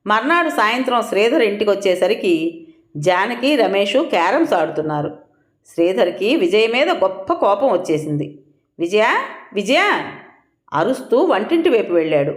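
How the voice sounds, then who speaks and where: A woman narrating a family drama audio story in an expressive storytelling manner. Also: medium pitch, normal speed. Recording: roomy echo.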